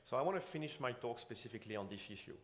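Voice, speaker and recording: A man's voice: mid-range voice, expressive, rapid-fire. Man giving an earnest keynote. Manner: earnest, with frequent fillers and restarts. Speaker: conference speaker. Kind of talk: keynote talk. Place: conference stage.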